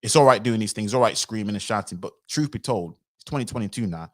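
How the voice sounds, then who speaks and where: A man giving animated livestream commentary, sometimes acting out other people's voices. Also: lowish voice, fast talker. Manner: animated, acts out quoted voices.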